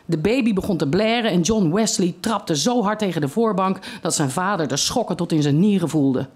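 A reader telling a short story aloud at a literary evening in a steady, measured way. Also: medium pitch, breathy edge.

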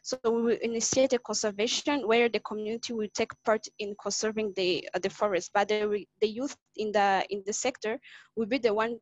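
A woman from Rwanda presenting a project pitch on a video call, speaking haltingly with frequent restarts. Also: steady tone, dry recording, lo-fi sound.

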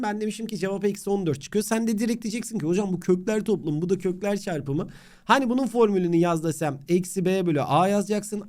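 A man's voice: high-pitched, a little mellow. A young man teaching a math lesson on video, talking straight to the student in a playful, joking way. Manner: playful, talks directly to the student, jokes and mock chants.

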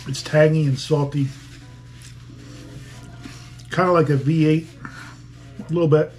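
A man with a slightly higher voice talks casually through an eating challenge at home, joking between bites. Faint music plays behind him. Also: fairly even intonation, unhurried, a little mellow. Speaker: beer review vlogger.

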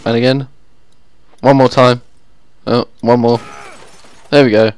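A man's voice: medium pitch, flat delivery, measured pace, smooth. A young man casually commenting while playing a video game, chatting to his viewers. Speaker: gaming YouTuber. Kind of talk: casual let's-play commentary.

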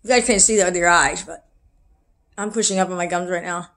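Quick, rambling woman in her forties, new dentures, fingers at mouth; frank video-diary chatter. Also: fairly low pitch, steady tone, fairly bright tone. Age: 40s. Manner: frank, rambling, self-deprecating. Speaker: vlogger.

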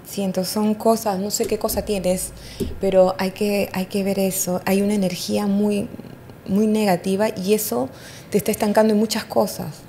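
Brief: woman psychic in an interview, mellow tone, hesitant with many fillers, faint rumble behind. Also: flat delivery. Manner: hesitant, fills pauses with "eh" and "¿me entiendes?". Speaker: astrologer and psychic. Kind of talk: interview, giving psychic readings.

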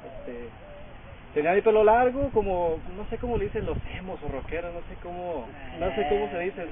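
A young man giving a personal testimony to a congregation, halting and full of filler words. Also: sits high. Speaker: testimony speaker. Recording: phone-like audio with crowd behind.

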